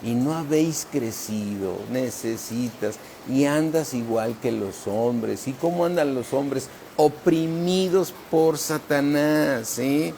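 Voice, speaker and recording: A man's voice: mid-range voice, gravelly, dark tone, a little hiss or hum. A man preaching a sermon as pastor, emphatic and often asking "¿sí?" of the congregation. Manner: slow, emphatic preaching with frequent "¿sí?" checks.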